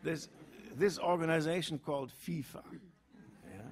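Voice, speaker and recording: A man's voice: a little high, normal speed. A man speaking on an academic panel, hesitant and full of fillers, with dry asides to the audience.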